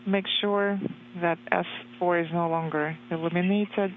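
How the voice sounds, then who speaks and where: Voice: mid-range voice, fairly even intonation, unhurried. Interpreter on a radio link, tinny and hissy like police radio, hesitant, procedural. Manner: hesitant, many uh fillers. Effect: crackly radio link, like a police radio. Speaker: interpreter relaying space-to-ground comms. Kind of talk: flat relayed procedural talk. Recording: tinny noisy radio channel.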